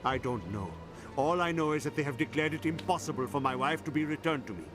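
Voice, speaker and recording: A man's voice: a little high, fast, music in the background, natural voice. A man playing a dignified, grieving widower in a video game, speaking politely and formally. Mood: sorrowful.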